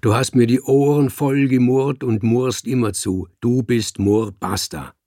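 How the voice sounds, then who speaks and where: Brief: boastful tipsy poet-judge, gruff and blustering, a man reading him, creaky, slow. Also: sits low, big pitch swings, dry recording, clean studio sound, full character voice. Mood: insistent. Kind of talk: audiobook character voice.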